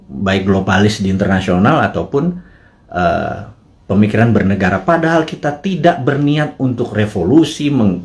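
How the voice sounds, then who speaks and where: A man's voice: fairly low pitch, a little mellow. A man talks straight to his audience in a live political commentary, full of conviction. His voice rises and falls widely as he presses one rhetorical question after another. Casual colloquial asides keep it feeling like an unscripted host monologue.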